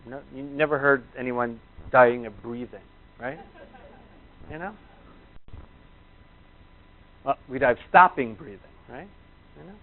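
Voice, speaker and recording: This man's voice sits in the mid-range at a moderate pace as he leads a breathing class informally. He keeps things reassuring and conversational, checking in with "you know" and "right," over tinny, narrow audio.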